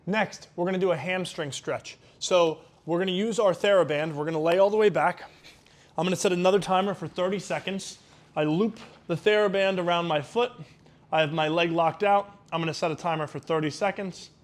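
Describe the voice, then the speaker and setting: A man guiding exercises as a mobility instructor, explaining each step in a careful, unhurried way. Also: sits high.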